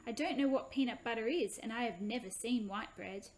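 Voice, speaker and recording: A gentle young girl offers help in a soft, friendly way, voiced by a woman reading a storybook. Her voice sits a little high. The tone stays plain and warm-hearted, close to an everyday voice. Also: a little fast, a little hiss or hum, lightly acted, rough recording. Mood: kind.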